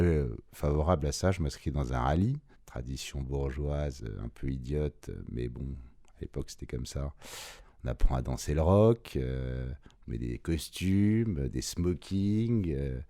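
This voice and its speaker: A man in his forties giving a personal testimony, hesitant and reflective, pausing often with fillers. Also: extremely low pitch, expressive, mellow, dry recording, studio quality. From France. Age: 40s. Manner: hesitant, many pauses and fillers; reflective, measured. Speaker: interviewee.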